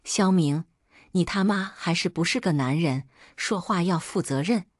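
A level-headed, protective male doctor , read out by a woman narrator. He speaks firmly and evenly, in a low voice with dry, close sound. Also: moderate pace, no echo, close to an everyday voice. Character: calm protective doctor, man, principled.

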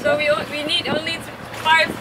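A woman with a high voice talks from the helm of a sailboat, hesitant and often restarting mid-sentence. Loud wind buffets the camera mic on open water. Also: flat delivery, brisk. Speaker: vlogger learning to sail.

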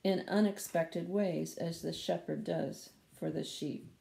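An older woman in her sixties reads a children's Bible lesson in a slow, measured way, fixing small slips as she goes. Her voice is low with a gravelly edge. The sound is echoey, as from a bare room at home on a laptop camera. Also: fairly even intonation, dark tone. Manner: slow, careful reading with small slips corrected. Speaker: children's Sunday school teacher. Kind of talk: reading a Bible lesson aloud. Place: small room at home, wooden door behind. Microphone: webcam or laptop camera at close range.

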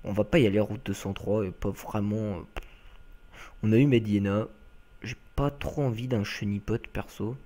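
A man's voice: on the low side, fairly even intonation, moderate pace, warm tone. A young man from France giving chatty, casual let's-play commentary, full of fillers and asides to viewers.

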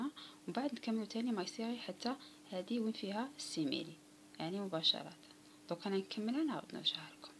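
A woman with an Algerian Arabic accent giving a calm step-by-step crochet tutorial, often dropping to a near whisper. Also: medium pitch. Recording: home recording with clear background noise.

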